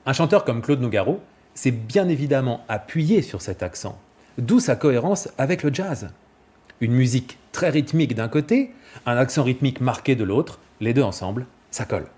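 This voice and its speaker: A male vocal coach giving a clear, didactic scripted explanation and demonstrating examples. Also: medium pitch, lively intonation, moderate pace, darkish tone.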